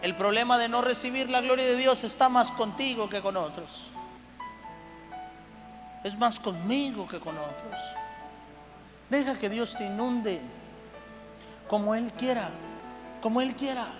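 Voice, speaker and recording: A pastor preaching a sermon in a church hall with a Mexican Spanish accent, moving from quiet, intimate talk to loud shouting. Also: male voice, very high-pitched, a little slow, long pauses. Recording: long church reverb with music underneath.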